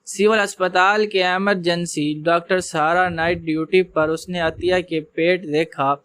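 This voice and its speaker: A man narrating an emotional story in a steady storytelling manner. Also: sits high, clean tone, no echo.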